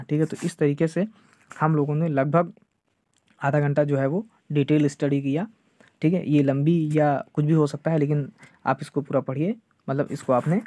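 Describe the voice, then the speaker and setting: A male teacher giving an online exam-prep lecture, checking "clear?" over and over and slowing down to drill names. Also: mid-range voice, darkish tone, no echo. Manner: repeats "ठीक है" and "clear है" often, drills names slowly. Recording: dull lo-fi dry sound.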